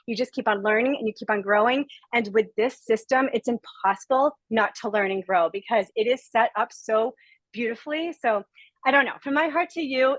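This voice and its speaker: Woman on a webinar call gushing about her story, kinda high voice, super dry sound. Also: no room sound, poor audio. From Rhode Island. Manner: gushing, heartfelt, emphatic. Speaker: guest speaker. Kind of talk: emotional testimonial on a webinar. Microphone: video call.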